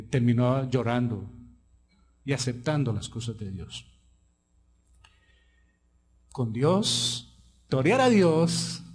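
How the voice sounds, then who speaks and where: A man's voice: mid-range voice, husky. A Colombian man with a Colombian Spanish accent, preaching a sermon as pastor and telling stories with questions to the congregation. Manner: lively storytelling preacher, asks the congregation questions.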